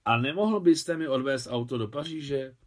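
A man reading an audiobook, voicing a spirited woman driver who talks briskly and with emphasis, raising his voice a little for her. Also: medium pitch, animated, voice pushed up, lightly acted. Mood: lively.

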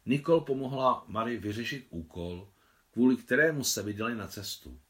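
A man's voice: medium pitch, animated, fairly bright tone. A man reading his own translation of a novel as audiobook narration, telling the story expressively.

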